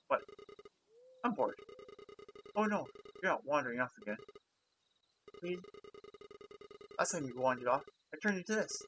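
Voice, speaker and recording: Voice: mid-range voice, background noise. A game reviewer reading game dialogue aloud, switching between the lines of two bickering characters. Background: game music.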